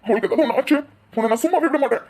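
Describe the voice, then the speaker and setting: A woman's voice: on the high side, racing, mellow, breathy edge. A woman voicing a frightened young man pleading to save his wife. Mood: anxious pleading. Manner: anxious pleading.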